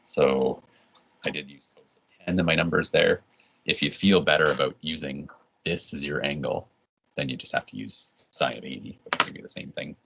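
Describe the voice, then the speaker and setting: A man's voice: very deep voice, moderate pace, creaky, pushed and bright, breathy edge. A man teaching an online physics lesson in a casual, rambling way, full of restarts and "right?" checks. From Canada. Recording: dull lo-fi recording.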